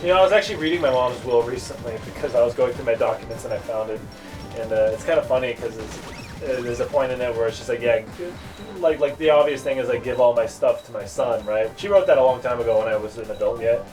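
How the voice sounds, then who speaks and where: A man's voice: medium pitch, quick pace, darkish tone, far from the mic, soft background music. A young man chatting casually while playing a video game, rambling and joking with lots of fillers. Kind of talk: casual gameplay chat.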